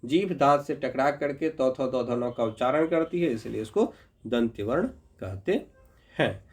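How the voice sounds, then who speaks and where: A man's voice: mid-range voice, lively intonation. A man teaching a grammar lesson, patiently sounding out letters and checking in with his students. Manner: patient, repeats sounds slowly, checks in with "ठीक है"; addresses viewers as "Babu". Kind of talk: explanatory lesson.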